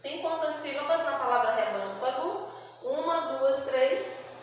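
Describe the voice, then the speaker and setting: A woman with a Brazilian Portuguese accent, a primary school teacher slowly and patiently explaining a lesson to children. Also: high-pitched, slight background noise. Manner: patient, spells out syllables, asks checking questions. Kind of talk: slow remote lesson for children. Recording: echoey room with long reverb.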